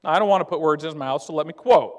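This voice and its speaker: A man's voice: on the high side, racing. A man giving an emphatic, plainspoken conference speech as a trade association director. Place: conference hall. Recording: long hall reverb.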